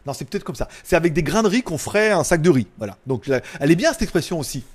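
High-voiced chatty man hosting a live stream. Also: quick pace, husky. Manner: chatty, rambling, excitable. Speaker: live tech show host. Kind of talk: casual live-stream chat.

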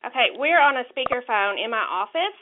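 A woman working as a speech pathologist, friendly and bright, heard over an office speakerphone. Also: a little high, animated, fairly quick. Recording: phone line from a speakerphone, with line noise.

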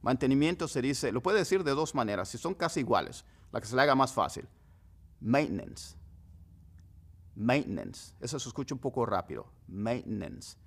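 A man teaching English pronunciation to Spanish speakers, repeating each word slowly and clearly in a casual, friendly way. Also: medium pitch, big pitch swings.

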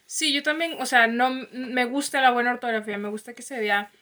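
A young woman whose first language is Spanish, with a northern Mexican accent, co-hosts a casual chat and teases her sister, laughing often. Her voice is fairly high, bright and forceful, steady in tone, and she talks fairly quickly.

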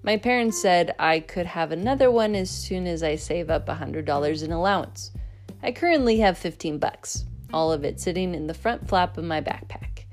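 A woman narrating a children's chapter book in the first person with lively storytelling. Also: on the low side, normal speed, soft background music. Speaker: audiobook narrator.

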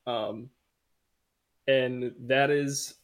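A man's voice: mid-range voice, fairly even intonation, drawn-out words. A young man co-hosting a casual podcast chat, joking and swearing with frequent laughs. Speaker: podcast co-host.

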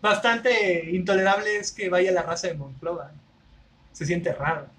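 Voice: medium pitch, fairly even intonation, fairly bright tone, low-quality recording. A co-host with a Mexican accent, chatting casually on a podcast with playful asides. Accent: Mexican Spanish. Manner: playful, quick asides and jokes. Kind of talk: casual chat.

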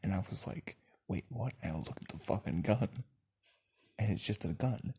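Low-voiced man riffing crude absurd comedy. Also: expressive, moderate pace, mellow, a little hiss or hum. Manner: profane, absurd rambling storytelling, often breaks into laughter. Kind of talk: improvised crude comedy banter.

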